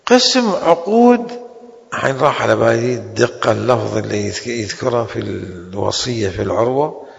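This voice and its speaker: Gravelly lecturer in a reverberant hall. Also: male voice, mid-range voice, expressive, dull audio. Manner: slow, drawn-out stresses on key terms with sudden quick asides. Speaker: religious law teacher. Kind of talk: seminary jurisprudence lecture.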